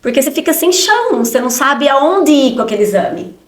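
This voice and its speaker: A woman's voice: sits high, very animated, a little fast. Woman telling her story in a roomy studio. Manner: tells her story in short spoken phrases with frequent tag questions. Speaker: podcast guest. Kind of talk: emotional personal testimony. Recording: roomy echo.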